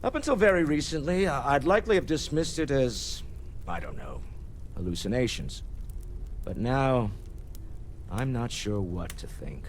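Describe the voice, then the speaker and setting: A man's voice: medium pitch, lively intonation, moderate pace, pauses often, a little hiss or hum, lightly acted. A man playing a wealthy older businessman in a video game, urbane, proud and wry. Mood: thoughtful, intrigued. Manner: urbane, self-assured, wryly conversational. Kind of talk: scripted video game dialogue.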